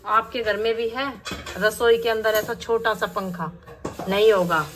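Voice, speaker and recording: A woman's voice: medium pitch, fairly even intonation, a little slow. A woman hosting a casual family vlog, chatty and teasing, talking straight to her viewers. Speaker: vlogger host.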